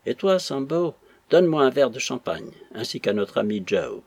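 A man reading aloud and voicing an older, jovial father who mocks his son in a loud, teasing way. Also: mid-range voice, big pitch swings, normal speed, no echo. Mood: mocking.

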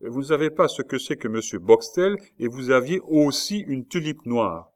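A man's voice: medium pitch, animated, normal speed, darkish tone, voice pushed up, close to an everyday voice. Brief: man doing a small pompous older official, exclaiming, audiobook reading.

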